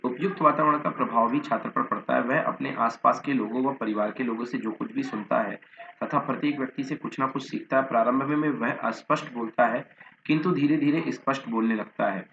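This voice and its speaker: A man's voice: medium pitch, a little fast, gravelly, a bit bright, slight background noise. A man teaching a lesson, reading notes aloud, listing terms one by one and sometimes repeating or correcting himself. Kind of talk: Hindi lecture reading from notes. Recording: dull lo-fi recording.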